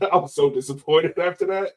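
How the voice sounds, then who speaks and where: Hosting a laid-back podcast chat as the interviewer, a thirtysomething American man rambles, jokes and uses slang. He speaks with a fairly high, darkish-toned voice.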